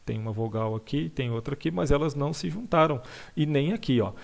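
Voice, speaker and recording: A male teacher explains a lesson over slides, patiently, with many fillers and checks like "tá bom?", and reads lines of verse aloud slowly. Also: a little high, animated, vocal fry.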